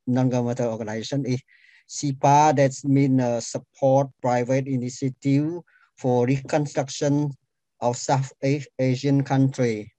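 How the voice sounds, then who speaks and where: Older Cambodian-accented man, Khmer native speaker, slow, soft-toned testimony. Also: medium pitch, no room sound, low-quality recording. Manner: halting, with frequent pauses and fillers. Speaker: panel speaker. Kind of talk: personal testimony on a webinar.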